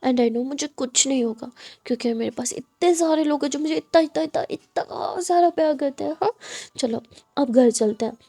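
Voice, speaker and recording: A woman voicing a caring young woman who calms her partner with soft, coaxing words. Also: high-pitched, moderate pace. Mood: soothing. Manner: soothing, coaxing, sometimes whispered.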